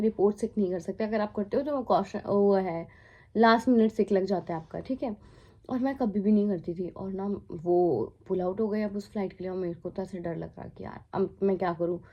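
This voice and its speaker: A woman's voice: mid-range voice, highs cut off. A young Indian woman in her twenties, a flight attendant telling a storytime vlog in casual Hindi mixed with English. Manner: chatty, mixes English into Hindi, asides and laughs.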